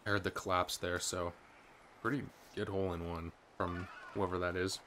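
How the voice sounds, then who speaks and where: A man's voice: low voice, level tone, moderate pace, pushed and bright, slight background noise. A man giving chatty, upbeat play-by-play commentary on his own game, with some gamer slang. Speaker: gaming channel host. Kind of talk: casual gameplay commentary. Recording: game music behind voice. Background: game music.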